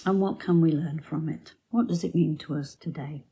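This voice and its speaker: A woman giving a Bible teaching talk for her church, telling the story in a deliberate storytelling manner. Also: low-pitched, dark tone, breathy edge.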